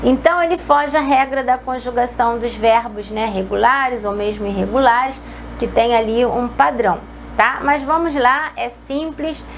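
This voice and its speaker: A woman's voice: fairly high pitch, moderate pace, a little hiss or hum. A woman teaching a German lesson, explaining patiently and repeating German words. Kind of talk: online language lesson.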